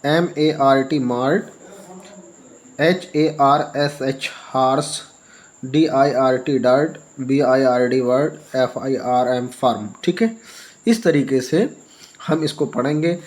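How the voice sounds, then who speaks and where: A male English teacher who spells words letter by letter and reads them out slowly for learners, often repeating himself and asking rhetorical questions. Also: medium pitch, darkish tone, poor audio.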